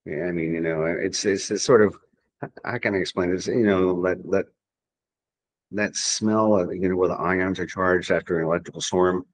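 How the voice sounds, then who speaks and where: A podcast guest from Tennessee talks casually in a deep voice with fairly even intonation and a moderate pace. His speech rambles and hesitates, full of restarts and fillers.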